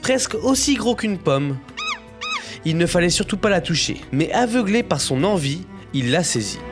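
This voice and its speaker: A man playing young Aladdin, telling his own adventure in expressive, suspenseful storybook narration. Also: high-pitched, normal speed. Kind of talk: dramatic scripted first-person storybook narration. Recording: music bed behind narration.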